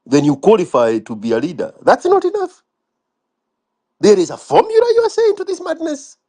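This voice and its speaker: A man's voice: sits high, wildly swooping pitch, moderate pace, warm tone. A man with a Kenyan accent debating casually in a challenging, sarcastic manner, repeating himself for emphasis.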